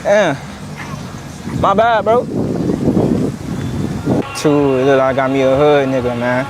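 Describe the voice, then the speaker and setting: A man's voice: mid-range voice, animated, slow pace. A young man hosting a street prank video, talking in slang and pleading that he's sick. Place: outdoors on a city street. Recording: loud street noise on outdoor camera mic.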